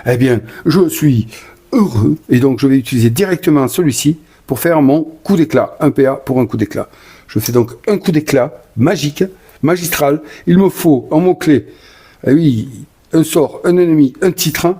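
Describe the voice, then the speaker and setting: Playing a board game solo, this man comments on each move in a chatty, eager way, now and then tripping over his words and fixing them. The voice sits on the higher side, warm and husky, at a normal speed.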